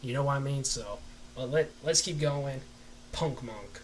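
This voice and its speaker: A man's voice: medium pitch, a little slow, low-quality recording. A man talking casually on a live stream as he reviews an album, rambling loosely and swearing now and then.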